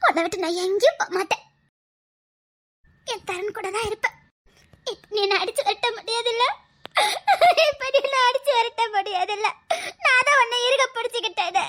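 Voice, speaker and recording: A woman's voice: extremely high pitch, moderate pace, pauses often, fairly bright tone. A woman with a Tirunelveli Tamil accent playing a devoted young woman who clings to her paralysed lover, talking insistently and sobbing through laughter. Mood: tearful. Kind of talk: comedy skit acting.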